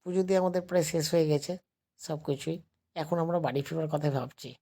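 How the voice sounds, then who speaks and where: Male vlogger, sore throat, soft and unhurried, flat even delivery, phone-recorded. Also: fairly high pitch, vocal fry. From West Bengal, India. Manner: speaks slowly and softly, addressing viewers as friends. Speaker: travel vlogger. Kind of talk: casual vlog narration. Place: temple grounds. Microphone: phone held while filming.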